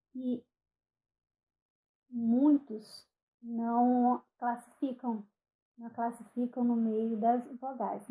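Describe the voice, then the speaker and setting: A woman with a Brazilian Portuguese accent giving a recorded online phonetics lecture, speaking deliberately, spelling out example words one at a time and checking in with "ok?". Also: fairly high pitch, warm tone, low-quality recording. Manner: frequent "ok?" check-ins and self-corrections. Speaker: university lecturer.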